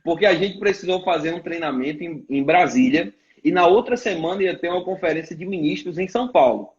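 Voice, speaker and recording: A man's voice: a little high, a little fast, lo-fi sound. A man, a ministry supervisor, telling stories with lots of laughter on a live stream. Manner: lively, laughing anecdote-telling. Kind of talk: casual storytelling on a live stream.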